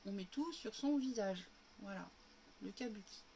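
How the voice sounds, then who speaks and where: A woman's voice: mid-range voice, expressive, normal speed, dark tone, a little hiss or hum. A woman with a lingering cough, chatting casually through a makeup tutorial livestream at home and walking viewers through each step. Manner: chatty, demonstrating step by step, addressing viewers as girls. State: coughing, recovering from illness. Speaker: makeup live streamer.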